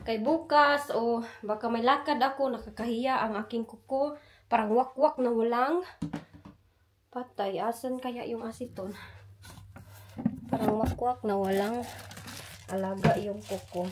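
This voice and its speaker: A woman's voice: fairly high pitch, unhurried, long pauses, a little hiss or hum. A middle-aged Filipino woman with a Filipino accent, chatting casually in a home vlog and telling stories while switching between languages. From Philippines. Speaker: vlogger.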